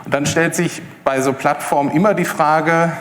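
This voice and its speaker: Delivering a live tech talk in an echoing lecture hall with long reverb, this conference speaker from Berlin keeps stumbling over fillers and restarts. His voice is a little high and somewhat bright, with fairly flat intonation at normal speed, and there is slight hiss or hum.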